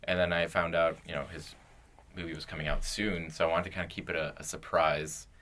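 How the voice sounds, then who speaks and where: A young man from Canada co-hosting a podcast in casual chat, halting with frequent "um"s. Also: low voice, flat delivery, pushed and bright. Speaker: podcast co-host.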